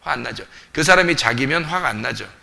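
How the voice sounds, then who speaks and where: A man's voice: medium pitch, lively intonation, fairly quick, vocal fry, pushed and bright. A man preaching a sermon as pastor, emphatic, repeating short phrases and asking the congregation questions, recorded in a church. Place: church sanctuary.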